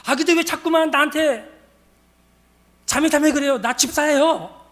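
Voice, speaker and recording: A male preacher acting out a brash middle-aged woman deacon who yells insults in a high, strained voice. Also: brisk. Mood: indignant.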